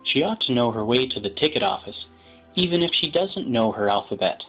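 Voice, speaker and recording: A man voicing a disapproving goat with a husky voice in a dramatized storybook. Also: mid-range voice, expressive, fairly quick, a bit bright, muffled recording, faint music behind. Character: loud, disapproving male goat riding a train. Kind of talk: dramatized audiobook acting.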